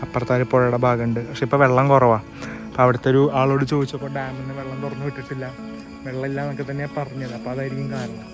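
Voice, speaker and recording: A man talks through a casual walking-tour vlog outdoors. His delivery is quick and chatty, while his pitch stays fairly even and flat. Loud background music plays under his voice. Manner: chatty, explains sights as he walks. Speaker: travel vlogger. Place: outdoors at a nature sanctuary.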